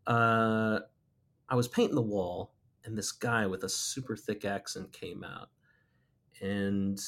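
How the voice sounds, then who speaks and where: Low-voiced man telling a rambling story. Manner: relaxed, rambling, frequent fillers and restarts. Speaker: muralist recounting a personal ghost story. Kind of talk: casual spoken storytelling.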